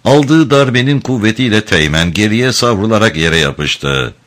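A man narrating a dark adventure storybook in a measured, grave way. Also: lowish voice, animated. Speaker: audiobook narrator.

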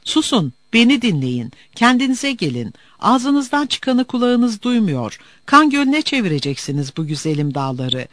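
A man voicing a small boy who shouts and pleads for peace in a storybook tale. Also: very high voice, big pitch swings, normal speed, hardly any pauses, no room sound, clean studio sound, voice pushed up, full character voice. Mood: pleading.

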